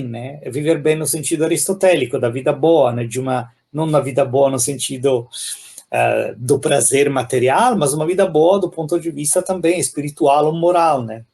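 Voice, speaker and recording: A man from Italy with an Italian accent, a philosophy professor explaining ideas thoughtfully in an interview, often pausing and adding "né?". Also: a little high, mellow. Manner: thoughtful, many pauses and "né?" tags.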